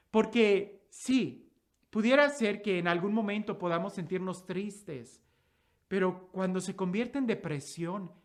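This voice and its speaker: A woman preaching a daily Gospel reflection, asking repeated rhetorical questions and letting her voice sink low and soft at the end of phrases.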